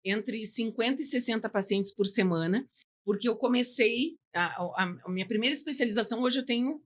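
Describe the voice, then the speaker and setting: A woman's voice: a little high, fairly quick. A woman psychologist, chatting as a podcast guest, explaining with frequent checks like "né". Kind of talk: casual podcast interview.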